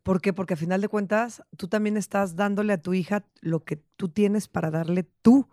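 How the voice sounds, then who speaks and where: A woman's voice: medium pitch, fairly even intonation, moderate pace, warm tone, dry recording, clean studio sound. A Mexican woman co-hosting a podcast, reflective and supportive, making emphatic points about parenting. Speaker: podcast co-host. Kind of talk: casual podcast conversation.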